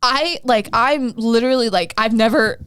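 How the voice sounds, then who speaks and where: A young woman in her twenties tells a rambling, animated story as a podcast co-host, leaning on "like" at every turn. Her voice sits a little high, recorded close and dry with no room sound. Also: normal speed, smooth, no room sound. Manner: animated, rambling, heavy use of "like". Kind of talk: casual storytelling chat.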